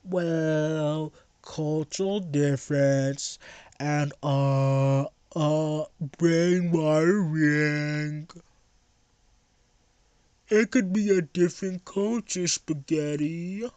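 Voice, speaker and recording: A streamer doing a mocking impression of a dim, evasive man who stammers out slow, lame excuses. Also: mid-range voice, darkish tone, clear, resonant tone, no echo. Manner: slow, halting, mocking delivery.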